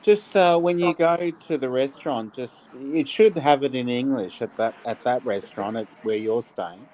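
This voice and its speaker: A man chatting easily in a group video call, agreeable and relaxed. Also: medium pitch, moderate pace, a little hiss or hum, low-quality recording. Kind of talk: casual group video chat.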